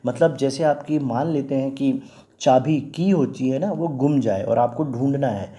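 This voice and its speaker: Very dark-voiced Indian man teaching. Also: mid-range voice, a little slow. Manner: patient, repeats and spells out words. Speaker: English vocabulary teacher. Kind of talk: explaining word meanings in Hindi with English terms.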